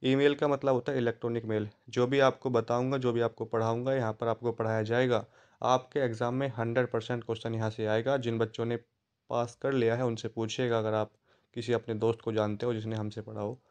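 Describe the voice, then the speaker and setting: Guy running an exam prep class, smooth clear voice, keeps saying "theek hai". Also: medium pitch, little pitch movement, brisk, a little mellow. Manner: repetitive, stresses key terms and checks in with "theek hai". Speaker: teacher. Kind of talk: online exam-prep lesson.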